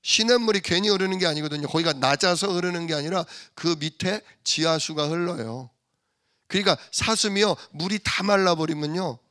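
A man's voice: fairly high pitch, pushed and bright. A male pastor preaching a sermon with passion, acting out the voices of mockers and church members, with his voice rising and falling sharply.

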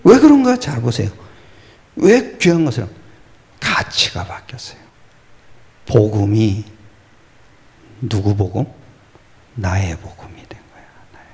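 A man preaching a sermon as pastor, swinging from loud exclamations to hushed whispers and answering his own rhetorical questions. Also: lowish voice, lively intonation, unhurried, pauses often.

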